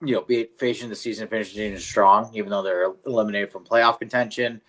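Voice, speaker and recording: A man's voice: on the low side, fairly even intonation, fast talker, a bit bright. A man co-hosting a casual livestream chat, laid-back and swearing freely as he rambles. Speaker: podcast co-host.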